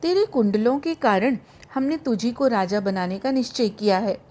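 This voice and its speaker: A woman's voice: a little high, animated, moderate pace, warm tone, natural voice. A woman doing a boy playing a stern minister. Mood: mock-formal. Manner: mock-formal, admonishing.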